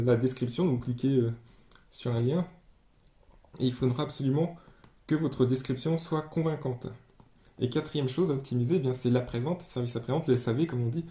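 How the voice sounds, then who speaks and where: A man giving a screen-share tutorial as an online sales trainer, explaining step by step and pausing often on fillers. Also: mid-range voice, dark tone. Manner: explanatory, hesitant with many fillers. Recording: roomy echo.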